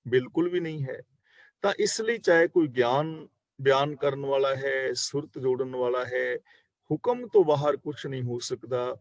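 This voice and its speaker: Measured man explaining scripture line by line. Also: mid-range voice, dry recording. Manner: measured, slows to recite verses, then explains each word; corrects pronunciation letter by letter. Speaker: Sikh scripture teacher. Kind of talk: scripture exposition class. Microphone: online video call.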